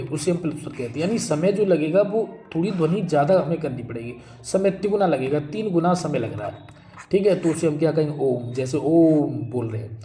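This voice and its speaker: A male teacher giving an exam-prep grammar lesson, explaining slowly and answering his own questions. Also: a little high, mellow, roomy sound, a little hiss or hum.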